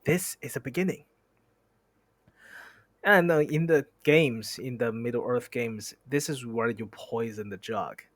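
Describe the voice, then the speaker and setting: A man's voice: mid-range voice, a little slow, hardly any pauses, dry recording. Man reading a novel aloud, dry sound. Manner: reads steadily, stumbles on words and stops to comment. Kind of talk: reading a book aloud with asides.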